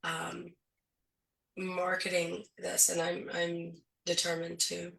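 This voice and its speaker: A woman with a lowish, gravelly voice that is going hoarse, talking through her points in a casual, explanatory way. Her tone is bright, and she sounds a little distant from the mic. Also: completely flat delivery, slow pace. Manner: thoughtful, explanatory, many fillers. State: losing her voice. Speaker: school board candidate. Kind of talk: casual discussion.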